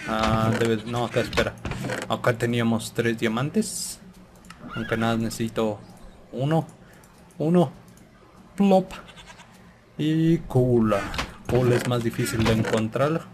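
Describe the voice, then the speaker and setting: A man's voice: medium pitch, fairly even intonation, a little slow, background noise. A man hosting a gaming channel, playfully talking through his Minecraft session and humming sound effects. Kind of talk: Minecraft let's play commentary.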